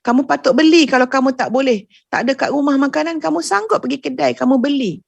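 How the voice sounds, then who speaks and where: A woman's voice: sits high, fast, gravelly, dry recording, muffled recording. A woman religious teacher giving a sermon, earnest and addressing her audience, repeating phrases for emphasis. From Malaysia.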